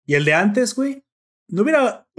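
A man's voice: high-pitched, very animated, normal speed. A young man with a Mexican Spanish accent, chatting casually and joking, dropping slang in nearly every sentence. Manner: slangy, joking, says güey constantly. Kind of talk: casual chat.

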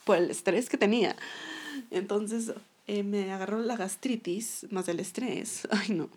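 A woman's voice: mid-range voice, measured pace, darkish tone, husky. A young woman telling a personal story to her viewers in a casual, chatty way, laughing often. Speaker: vlogger.

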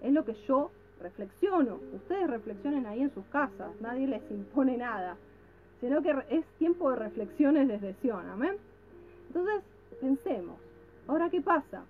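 A woman giving a reflective religious talk, slow and deliberate, often checking in with her listeners. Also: sits high, big pitch swings, slight background noise. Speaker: religious teacher. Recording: tinny phone-like sound with faint music.

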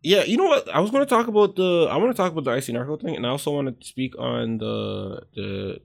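A man's voice: mid-range voice, animated, fast talker, gravelly. A man in his twenties co-hosting a podcast, telling stories in a loose, rambling way and swearing casually. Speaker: podcast co-host.

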